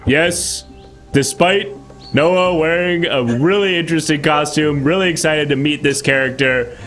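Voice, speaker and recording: A man's voice: fairly high pitch, unhurried, fairly bright tone, faint music behind. A man hosting a live improvised comedy stream, teasing in a mock-menacing way and reading out chat. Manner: playful mock-menacing, reads chat aloud. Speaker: host.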